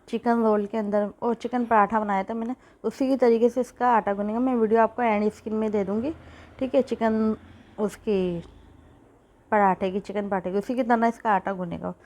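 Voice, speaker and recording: Woman host, mellow tone, chatty home-kitchen cooking tutorial, recorded on a phone. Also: on the high side, fairly even intonation, normal speed. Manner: chatty, repeats "theek hai" often. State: sore throat, coughing.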